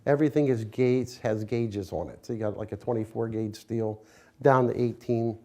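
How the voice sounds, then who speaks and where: Mellow-voiced American salesman, conversational. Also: medium pitch, moderate pace. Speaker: window company owner, interviewee. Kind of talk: conversational promotional interview.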